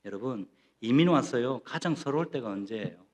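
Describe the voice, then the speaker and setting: Animated middle-aged male pastor preaching. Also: mid-range voice, fairly quick. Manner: animated, with playful personal stories. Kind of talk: sermon.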